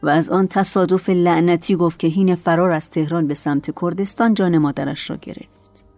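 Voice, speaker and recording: Woman narrator, low voice, calm and measured, reading a radio drama, faint music behind. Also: no room sound. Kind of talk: scripted story narration.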